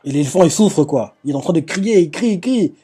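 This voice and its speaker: A man's voice: on the high side, expressive, fairly quick, warm tone, breathy edge. A man recapping anime scenes live, retelling the action with lots of fillers and restarts. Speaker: anime reaction host.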